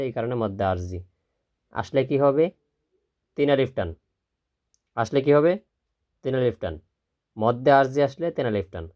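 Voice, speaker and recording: A man teaching Quran recitation step by step, who drills slowly, repeats syllables, and asks and answers his own questions. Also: medium pitch, darkish tone. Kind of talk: step-by-step spelling lesson.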